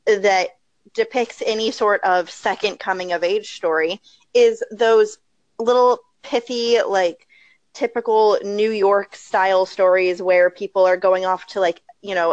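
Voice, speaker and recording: A woman's voice: mid-range voice, fairly even intonation, unhurried, dry recording, lo-fi sound. A young woman co-hosting a podcast, rambling passionately with lots of fillers in casual chat. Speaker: podcast co-host.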